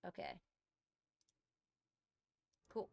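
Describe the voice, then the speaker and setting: A worn, weary-sounding woman draws out her words in a slightly mellow tone as she gets her live stream ready. She works as an esports streamer and commentator, and her casual chat, captured on a desk microphone, keeps breaking into muttering to herself between chatty asides.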